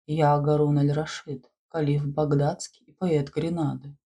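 A woman voicing a mysterious male spirit from beyond the grave, speaking in slow, solemn phrases. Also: low-pitched, flat delivery, warm tone, slightly rough, exaggerated voice.

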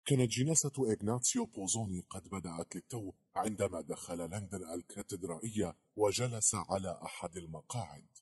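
Deep-voiced guy narrating a novel, breathy husky tone, steady reading. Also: a little fast, few pauses. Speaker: audiobook narrator.

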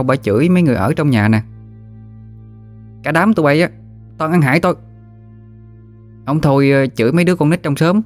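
A man voicing a bold ten-year-old village girl, high and chatty. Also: lightly acted.

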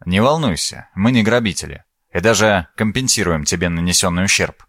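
A man reads a shrewd detective in a storybook, courteous and composed. His questions come calmly in a near everyday voice with lively turns of pitch. The recording is close and dry. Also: fairly quick, no room sound. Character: polite, shrewd male detective. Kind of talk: audiobook character voice.

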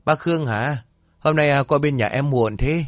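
A man voicing a greedy tavern landlady who eagerly flatters a paying customer. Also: fairly low pitch, moderate pace, no room sound, studio quality, lightly acted. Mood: fawning. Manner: fawning, eager. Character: greedy, fawning middle-aged tavern landlady.

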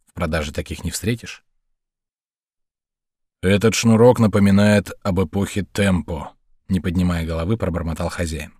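A man narrating a literary audiobook in a measured, even reading. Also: low-pitched, husky, no room sound, studio quality.

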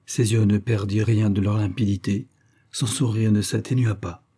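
A man reading a serial novel aloud as an audiobook, with measured, expressive phrasing in short clauses. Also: on the low side, husky. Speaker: audiobook narrator.

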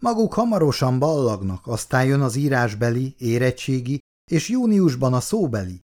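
A formal schoolteacher speaks in measured tones, read by a man. His pitch moves a lot. It is a storybook reading. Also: sing-song, darkish tone, natural voice. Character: male schoolteacher, formal and probing. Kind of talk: reading a novel aloud.

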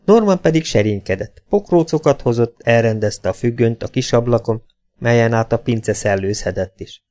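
A man narrating an audiobook in a low, measured storytelling tone. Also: a little mellow.

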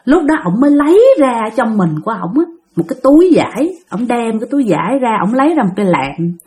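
Woman storyteller, casual and chatty, high voice. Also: big pitch swings, fast, darkish tone. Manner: chatty, addresses listeners directly. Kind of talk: casual spoken ghost story.

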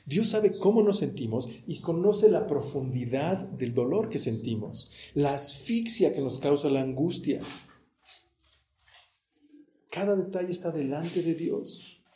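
A man's voice: fairly high pitch, expressive, a little slow, dark tone, roomy sound, a little hiss or hum. A middle-aged man with a central Mexican accent preaching a sermon, talking conversationally and acting out quoted prayers and dialogue. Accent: central Mexican Spanish.

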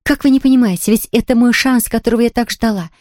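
A woman reading aloud, voicing an eager, chatty young girl who talks in quick exclamations. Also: a little high, a little mellow, no room sound, studio quality, voice pushed up, lightly acted. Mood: excited. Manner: breathless, rapid, exclamatory.

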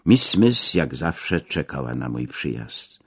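Low husky male audiobook narrator. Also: sing-song, slow pace.

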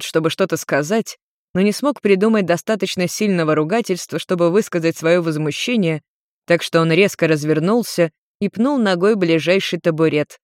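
Woman narrator, storybook reading, calm, even, low voice, dry close recording. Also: no room sound.

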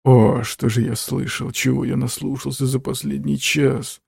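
Frail old man, furious, accusing, slow shouting, husky, voiced by a man. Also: mid-range voice, fairly even intonation, dry recording, clean studio sound.

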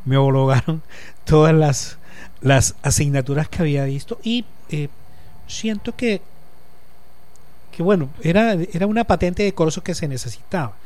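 His accent marks him as from Colombia's Caribbean coast: a man in his fifties, journalist and lecturer, talking casually as a radio interview guest. The pitch is slightly higher than typical for a man, and his reflective explanations run long, full of pauses and small fillers.

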